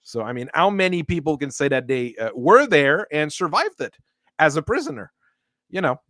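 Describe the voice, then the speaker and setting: A man hosting a casual chat, talking in a rambling, halting way with frequent restarts. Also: fairly high pitch, very animated, fairly bright tone, no echo, clean studio sound. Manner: rambling, halting, laughs often. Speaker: host.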